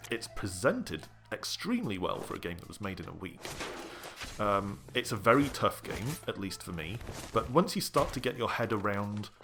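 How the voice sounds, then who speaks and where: A man narrating a casual game review in a measured, explanatory way, often pausing with "um". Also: on the low side, a bit bright, a little hiss or hum. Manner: measured, explanatory, with frequent ums.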